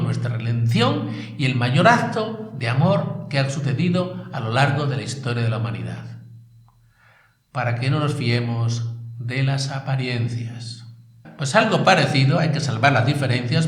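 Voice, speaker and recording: A man's voice: medium pitch, echoey room. A male priest giving a sermon, emphatic, repeating key phrases and asking rhetorical questions.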